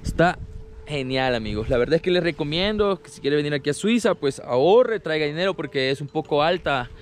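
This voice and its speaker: Exclaiming with enthusiasm, a young Latin American man vlogs his trip to friends watching, his action camera at arm's length, from a cable car to a mountain-top terrace, indoors and out. He talks briskly in a voice on the high side, with music under it.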